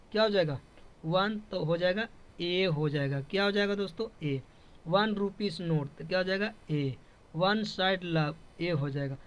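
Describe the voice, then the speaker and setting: A man teaching a grammar lesson. He keeps asking the class questions and answers them himself, drilling each example. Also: high-pitched. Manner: repetitive questioning, drilling students. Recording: dull lo-fi classroom recording.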